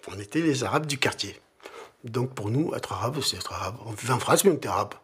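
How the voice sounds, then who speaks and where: An older man giving an earnest interview testimony, halting at times and repeating words. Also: mid-range voice, expressive, fairly bright tone, husky.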